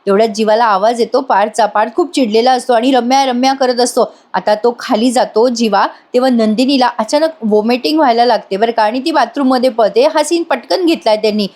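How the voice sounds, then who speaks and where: A woman narrates a voice-over recap of a TV episode with a slightly high voice. She talks casually and turns to her viewers now and then. Her tone is chatty rather than formal. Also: a little fast, few pauses, darkish tone. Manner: chatty, addresses viewers directly. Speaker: serial review narrator.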